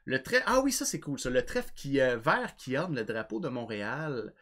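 A man's voice: medium pitch, lively intonation, moderate pace, a bit bright. A man with a Québécois French accent co-hosting a casual podcast, teasing his partner and reading facts aloud with lots of "là". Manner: teasing, reads facts out, frequent fillers like "là". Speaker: podcast co-host. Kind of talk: casual chat.

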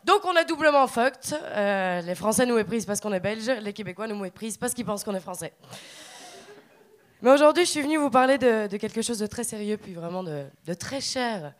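A woman from Belgium with a Belgian French accent, performing a stand-up set on stage with deadpan, punchy asides. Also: mid-range voice, brisk. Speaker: stand-up comedian.

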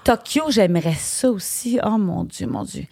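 A woman with a Québécois French accent hosts a relaxed conversation. She asks eager questions and reacts quickly, with a medium-pitched everyday voice. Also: gravelly, husky. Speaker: podcast host. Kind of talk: casual chat.

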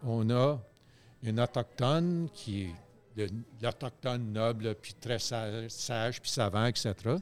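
A man, telling stories in a loose, animated way on a radio chat show, full of fillers and restarts. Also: mid-range voice, slow pace, faint music behind.

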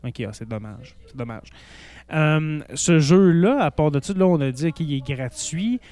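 A man's voice: a little high, expressive, unhurried, mellow, clear, resonant tone. A man with a Québécois French accent doing a casual, encouraging interview, asking questions and echoing answers back.

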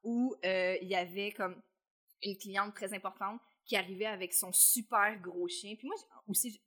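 Chatty Québécoise woman, bright tone. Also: medium pitch, steady tone, moderate pace. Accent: Quebec French. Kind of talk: casual chat.

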